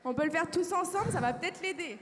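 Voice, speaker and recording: A woman's voice: very high voice, lively intonation, quick pace. A woman acting an upbeat, pedantic young crash survivor who lectures with many fillers, in a live stage sketch. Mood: soothing. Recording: reverberant hall with faint background noise.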